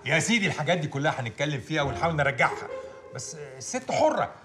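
An actor playing an older man who calms a hotheaded friend, quick and exasperated, with an Egyptian accent. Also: a little high, over music. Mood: placating. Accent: Egyptian Arabic. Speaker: senior official in a TV series.

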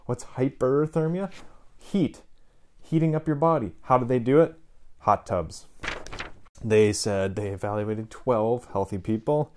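A man in his thirties explaining research papers to camera in a studio, lively and stressing key numbers, recorded on a lapel mic. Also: mid-range voice. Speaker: health educator. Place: studio with a plain grey backdrop.

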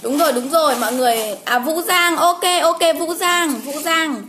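A woman's voice: sits high, normal speed, bright, forceful tone, a little hiss or hum. A woman, hosting a casual livestream from home, chatty, calling names over and over with frequent exclamations. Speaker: livestream host drawing giveaway winners.

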